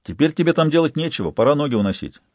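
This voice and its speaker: A man's voice: on the high side, sing-song, racing, darkish tone, no room sound, voice pushed up. A man voicing a sleepy, blunt young man speaking on the phone in a storybook reading. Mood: curt. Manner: drowsy, then curt and decisive.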